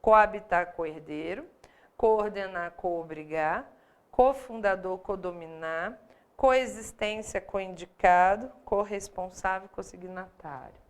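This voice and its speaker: A woman's voice: mid-range voice, slow. A Brazilian woman teaching Portuguese grammar in a live online exam-prep lesson, explaining step by step and often checking in with the class.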